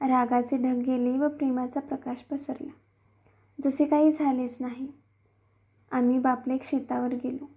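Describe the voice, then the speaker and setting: A woman reading a classic novel aloud in a measured, even storytelling manner. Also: sits high, husky. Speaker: reader.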